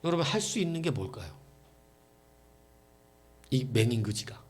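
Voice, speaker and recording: A man's voice: medium pitch, sing-song, moderate pace, breathy edge. A male pastor preaching a late-night vigil sermon in a church, emphatic and full of rhetorical questions put to his listeners.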